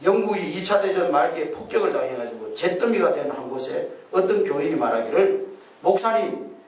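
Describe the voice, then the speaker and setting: A man preaching a sermon as pastor, animated, leading the congregation in call-and-response. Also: fairly high pitch, a little fast. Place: church sanctuary. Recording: echoey church hall, mic at a distance.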